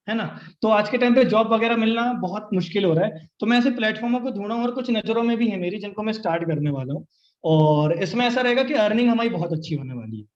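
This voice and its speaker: A man's voice: high voice, echoey room, lo-fi sound. A young man leading a live online sales training, talking with energy and coaching his listeners by acting out sample chats.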